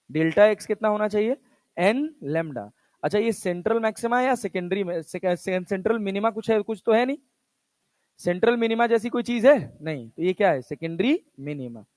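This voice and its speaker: In a dry recording, a man with a high-pitched, slightly mellow voice teaches a physics class. He talks casually in Hindi mixed with English terms, peppering students with questions that he then answers himself.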